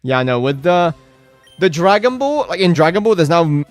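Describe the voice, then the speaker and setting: A man's voice: on the high side, sing-song, normal speed, no echo, soft background music. A man chatting casually on a live game stream, rambling with lots of filler words and reacting to chat.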